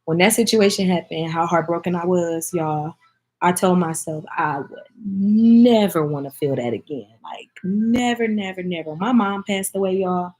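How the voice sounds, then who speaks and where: A woman's voice: lowish voice, a little mellow, slight background noise, rough recording. A woman, talking heartfelt and teary-eyed to her viewers in a casual vlog chat. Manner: heartfelt, speaks directly to viewers as y'all. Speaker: vlogger answering viewer comments.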